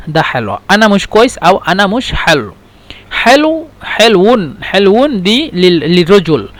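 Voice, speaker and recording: Man, language teacher, high-pitched voice, slow repetitive delivery, hesitant explanations. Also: a bit bright. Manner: repeats each phrase several times, slow and deliberate; hesitant, with many fillers and restarts. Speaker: Arabic teacher.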